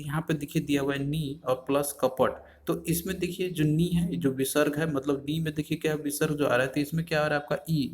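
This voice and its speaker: A man's voice: a little high, slight background noise. A man teaching an exam-prep Hindi grammar lesson, explaining rules step by step with rhetorical questions. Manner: explanatory, repeats filler words, rhetorical questions to students.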